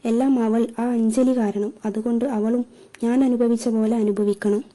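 A woman's voice: on the high side, fairly even intonation, moderate pace, natural voice. A woman voicing a hurt, bitter young woman with a curt, scornful manner. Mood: furious. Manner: curt, scornful, flares into shouting.

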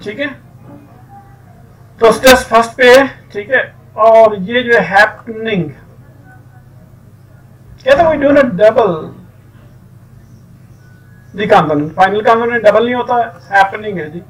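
A man teaching an English grammar lesson, explaining rules with many fillers and reading example sentences slowly. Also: high voice, a bit bright, distant mic, rough recording.

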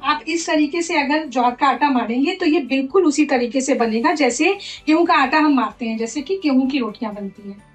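In her home kitchen, a middle-aged woman who works as a cooking instructor gives a demonstration, explaining every step as she goes. She speaks fairly quickly in a high voice. Light background music plays in the recording.

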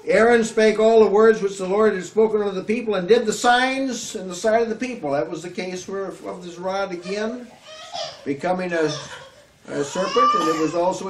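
An older man with a Southern US accent preaching an earnest, emphatic sermon at a lectern, often restarting his phrases. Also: high voice. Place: small room before a curtain backdrop, at a lectern. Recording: echoey room, slightly distant mic, faint hiss.

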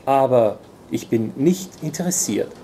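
A man's voice: mid-range voice, expressive, unhurried, mellow, soft background music, natural voice. A man reading aloud voices a bold, defiant young swordsman with a raised, eager voice.

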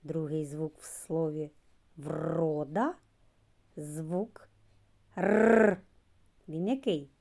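A woman preschool teacher giving a slow literacy lesson to young children, stretching out sounds and key words. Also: deep voice, vocal fry, warm tone. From Ukraine.

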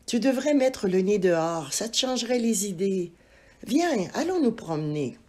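A woman voicing a caring young woman in a children's storybook, gentle and coaxing. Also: mid-range voice, big pitch swings, normal speed. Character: caring young woman comforting her partner. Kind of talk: storybook reading.

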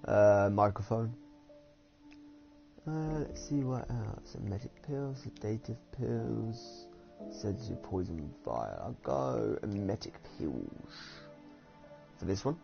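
A man's voice: fairly low pitch, lively intonation, takes it slowly, vocal fry, music in the background. A man from the UK giving rambling, giggly casual commentary while streaming a game. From United Kingdom. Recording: dull lo-fi streaming audio.

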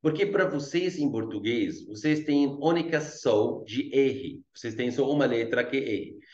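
A male Arabic teacher with an Arabic accent, giving an online language lesson in simple, slow explanations full of fillers. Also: mid-range voice, expressive, darkish tone, roomy sound, muffled recording. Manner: explains slowly with many fillers like "gente" and "tá".

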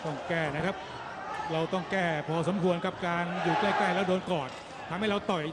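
A man giving excited boxing commentary in an explanatory, tactical way. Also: high voice, brisk, very noisy. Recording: loud crowd and music behind. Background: very loud crowd, music.

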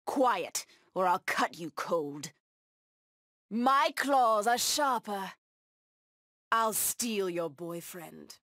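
A woman voicing a savage, proud cheetah-woman huntress in a video game, taunting her prey with deliberate menace. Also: medium pitch, animated, fairly bright tone, no echo, clean studio sound, full character voice.

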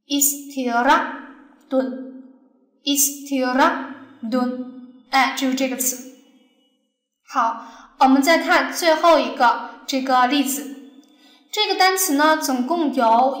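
A woman's voice: high-pitched, normal speed, a bit bright, reverberant. A woman teaching a recorded language lesson, explaining step by step with patience and often asking the class questions. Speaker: Arabic teacher.

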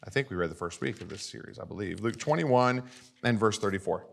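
A male pastor preaching a sermon to his congregation, animated and often asking them for agreement. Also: on the low side, fairly quick, gravelly.

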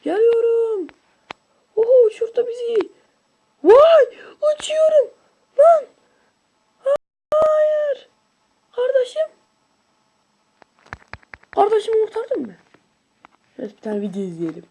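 Speaking slowly with long pauses, a high-voiced, excitable creator narrates gameplay in casual slang, breaking out in shouts and whoops.

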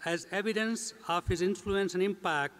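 An older man delivers a measured, scripted speech from a podium mic on a large stage. His voice sits slightly high. The long reverb of a big hall trails behind every phrase. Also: steady tone, fairly bright tone. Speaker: university president. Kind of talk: formal ceremony speech. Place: large indoor commencement stage.

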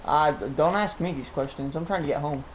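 A woman with a notably deep voice plays a game with a friend. She stays laid-back and drops dry, teasing remarks in casual chat. A faint hiss runs underneath. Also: brisk, low-quality recording. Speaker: gaming channel co-host. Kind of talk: casual let's play chat.

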